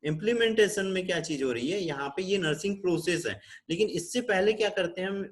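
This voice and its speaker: High-voiced Indian man teaching nursing online. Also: brisk. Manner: teacherly, keeps checking with the class; switches between Hindi and English. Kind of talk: online class lecture. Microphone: video call.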